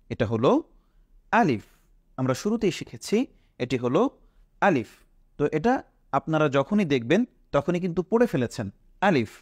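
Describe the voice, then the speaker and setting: A man's voice: mid-range voice, no room sound, clean studio sound. A man teaching the Arabic letters in a patient lesson, quizzing the viewers and stressing each letter name. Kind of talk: Quran alphabet lesson.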